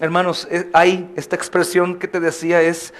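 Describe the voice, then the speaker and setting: A male pastor preaching a sermon with passion, often calling out to the congregation with questions and swinging from soft lines to loud cries. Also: sits high, monotone, moderate pace. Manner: addresses the congregation as brothers, asks questions.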